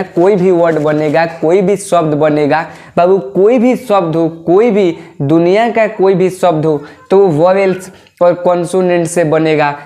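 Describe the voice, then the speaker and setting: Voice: medium pitch, a little mellow. An English teacher giving an online lesson, who keeps asking questions, answers them, repeats key points and calls the viewers "babu". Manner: drills pronunciation aloud.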